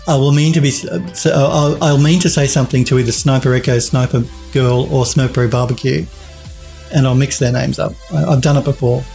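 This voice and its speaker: A man's voice: medium pitch, steady tone, fairly quick, gravelly, a little mellow, faint music behind. A man in his forties with an Australian accent, chatting casually on a live stream while reading out viewer comments, rambling with restarts and little chuckles. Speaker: 3D modelling streamer. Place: home studio at a desk.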